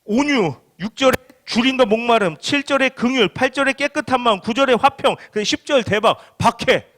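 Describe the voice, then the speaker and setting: A man's voice: very high-pitched, lively intonation, a bit bright. A young adult male pastor giving a casual, conversational sermon to a youth group, asking his listeners questions and acting out everyday reactions. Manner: acts out everyday reactions in quick quoted asides.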